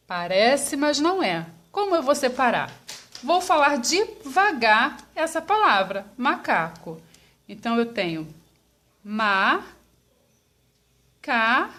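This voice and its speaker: A woman teacher with a Brazilian Portuguese accent, giving a slow lesson to young children and sounding out each syllable patiently. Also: a little high, fairly bright tone.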